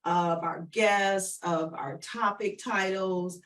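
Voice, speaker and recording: A woman at medium pitch, steady in tone and a bit bright, talks slowly while sitting far from the microphone. As host of an online radio show, she warms up with guests and addresses listeners head-on, offering encouragement and affirmation and often echoing her own phrases.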